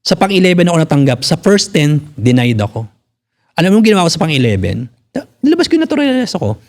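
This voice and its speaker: This man, a physical therapist from the Philippines in his forties, speaks in a quick, sing-song way at a fairly high pitch. On a laid-back podcast he's blunt, curses often, and mixes English into his speech.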